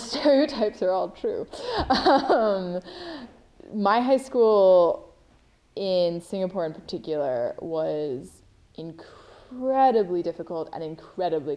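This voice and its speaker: A woman's voice: fairly low pitch, darkish tone. A woman in her twenties, a college student giving a reflective documentary interview with frequent ums. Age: 20s.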